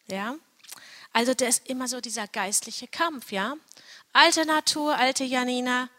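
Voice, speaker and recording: A woman's voice: fairly high pitch, sharp tone, long reverb tail. A woman in her thirties gives an earnest, personal Bible teaching, often checking in with "ja?" as she talks.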